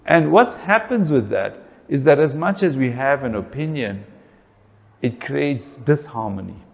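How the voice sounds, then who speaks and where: A man's voice: medium pitch, unhurried, vocal fry. South African man lecturing in a hall. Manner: animated, asks himself questions and answers them. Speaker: speaker. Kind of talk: talk on family relationships. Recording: long reverb of a hall.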